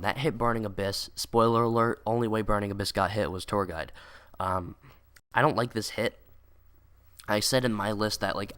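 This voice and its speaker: With a cold clogging his nose, a young card game video creator rambles through casual commentary, leaning heavily on "like" and "um." His voice sits somewhat low and has a touch of brightness.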